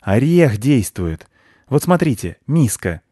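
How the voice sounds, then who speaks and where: A man's voice: medium pitch, big pitch swings, slow pace, dark tone, dry recording, studio quality, pitched above the performer's own voice. A man voicing a greedy, hysterical female squirrel who shrieks and rants in a storybook reading. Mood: agitated, paranoid. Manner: shrieking, frantic, paranoid.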